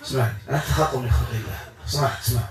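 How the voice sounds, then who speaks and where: A man's voice: medium pitch, racing, music in the background. A man working as a Quran healer, speaking in a commanding, coaxing way to a possessed patient during an exorcism session. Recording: echoey room, far from mic, loud noise.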